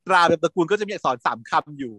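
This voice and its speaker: A man casually recapping a TV drama as a podcast host, animated, laughing often and acting out lines. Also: a little high, rapid-fire, husky, no echo, clean studio sound.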